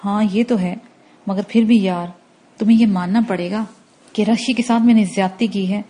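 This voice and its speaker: A woman's voice: mid-range voice, steady tone, mellow, lightly acted. A woman reading an exasperated young man. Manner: pleading, irritated.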